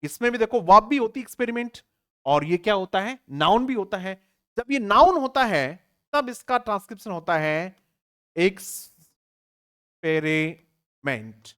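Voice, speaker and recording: With a high-pitched, slightly bright voice and lively intonation at a moderate pace, a man leads an online English exam-prep lesson. He poses rhetorical questions and answers them, spells words letter by letter, and addresses students familiarly while checking they understand.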